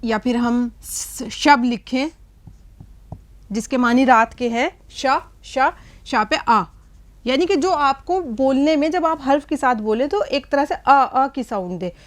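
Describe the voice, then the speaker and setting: A middle-aged Urdu teacher gives a language lesson at a board, explaining patiently and frequently checking that her listeners follow with phrases like "hai na?" and "theek hai". Her voice sits high and is animated, at a measured pace.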